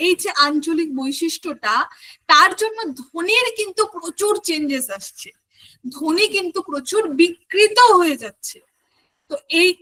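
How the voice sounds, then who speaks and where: A woman's voice: very high-pitched, pushed and bright. A woman teaching an online exam-prep lesson, explaining step by step and putting questions to her students.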